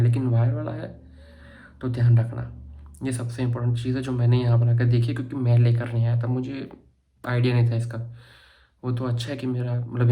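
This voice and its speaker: Fast-talking young man vlogging from his room. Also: medium pitch, warm tone. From India. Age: young adult. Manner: fast-talking, chatty, joking asides. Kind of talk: casual vlog walkthrough. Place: student room indoors.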